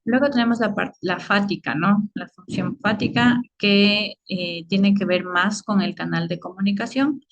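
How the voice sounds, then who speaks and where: A woman's voice: medium pitch, unhurried, few pauses, muffled recording. A woman teaching a class over a video call, explaining at length with many fillers and frequent checking questions. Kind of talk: online lecture.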